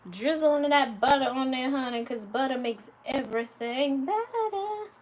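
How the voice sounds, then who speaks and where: A woman's voice: fairly high pitch, a little hiss or hum. Chatty woman home cook, talks to her viewers. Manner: chatty, relaxed, talks to viewers, calls them honey and guys. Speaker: home cook streaming live. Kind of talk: casual live cooking stream.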